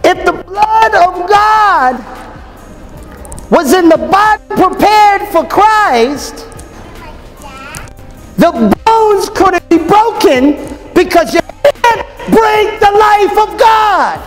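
With a very high pitch and drawn-out words, a man in his thirties preaches over soft background music. His lively conference sermon in a hotel ballroom is animated and joking, full of call-and-response with the live audience, amid long hall reverb and faint crowd noise.

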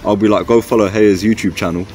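Out in a park with distant traffic and faint music behind, a young history-channel host talks casually to the camera and his guest. He speaks fast in a steady, slightly mellow voice on the low side.

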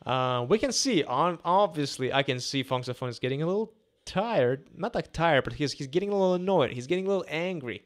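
A man's voice: on the high side, animated, brisk. A man in his twenties with a Russian accent, a native Russian speaker, gives casual live boxing commentary, often repeating himself and hesitating. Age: 20s. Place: small indoor room. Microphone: close podcast microphone on a boom arm.

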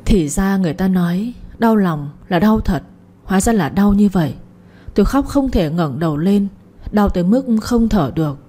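A woman's voice: mid-range voice, animated, normal speed, warm tone. A woman narrating a first-person audiobook story in a heartfelt, sorrowful way.

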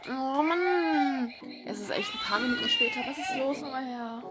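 A woman's voice: sits high, very animated, quick pace, very noisy. A woman vlogger talking casually and frantically, with lots of exclamations. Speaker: YouTuber. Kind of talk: casual vlog.

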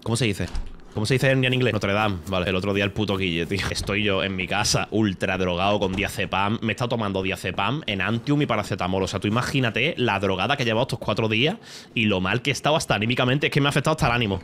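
Andalusian guy rambling and cursing at his stream chat, talks quick, faint hum behind. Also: fairly low pitch, a bit bright. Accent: Andalusian Spanish. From Spain. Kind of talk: gaming livestream commentary. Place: home streaming setup.

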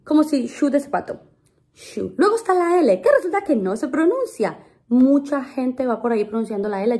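Chatty, mellow-voiced woman teaching English. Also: on the high side. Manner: playful, chatty, slows down to model English sounds. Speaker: English teacher and channel host. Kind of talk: casual video lesson.

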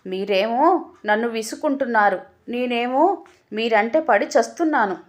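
A woman's voice: on the high side, moderate pace, close to an everyday voice. A woman voicing a coaxing, innocently teasing wife in an audio story. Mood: pleading. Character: sweet-talking, teasing young wife.

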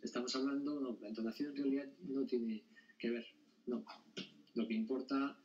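A man's voice: medium pitch, steady tone, moderate pace, darkish tone. A man teaching a lecture class who keeps asking his students whether they follow, at a distance the mic. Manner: explanatory, often checks understanding with questions. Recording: dull sound, mic at a distance.

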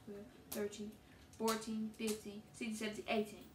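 A woman's voice: mid-range voice, monotone, normal speed. A young woman chatting casually with a teasing manner. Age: young adult. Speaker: challenge participant. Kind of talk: casual chat. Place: small bedroom, indoors. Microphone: camera several feet away. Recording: echoey, distant mic, background noise.

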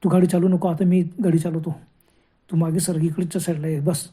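A man's voice: a little high, flat delivery, fairly quick, dark tone, breathy edge. A man voicing a frightened young man who urges his friend on after a scare. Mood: urgent.

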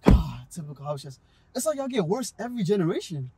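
Young man playing a quick, sarcastic grumpy friend. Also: high-pitched, very animated, heavy background noise. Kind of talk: amateur youth drama acting.

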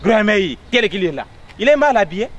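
A man's voice: high-pitched, very animated, a little fast, fairly bright tone. A man, lecturing proudly in street banter outdoors in a city street. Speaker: sapeur.

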